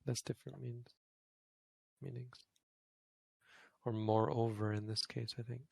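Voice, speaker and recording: A man's voice: mid-range voice, little pitch movement, unhurried, gravelly, breathy edge, no room sound. A man, a Buddhist monk, giving an informal grammar lesson to a study group, thinking aloud and correcting himself as he goes. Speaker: Buddhist monk teaching Pali.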